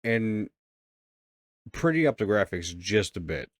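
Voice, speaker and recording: A man's voice: lowish voice, sing-song, slow pace, no echo. A man co-hosting a podcast in loose, casual chat, swearing freely and rambling. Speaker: podcast co-host.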